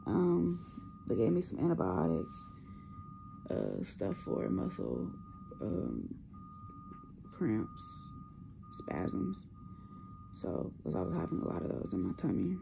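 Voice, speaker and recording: A young woman chatting casually to camera, weak after surgery, with a hoarse, partly lost voice and a subdued, halting, effortful delivery. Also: very deep voice, huge pitch swings. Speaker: vlogger. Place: small hospital room, indoors. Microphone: phone at arm's length. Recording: noisy hospital room phone recording.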